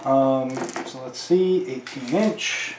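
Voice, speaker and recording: A man's voice: medium pitch, takes it slowly, roomy sound, noisy background. A man playing a tabletop wargame, counting dice aloud and talking casually to viewers as he plays. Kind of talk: casual play-by-play of a tabletop battle.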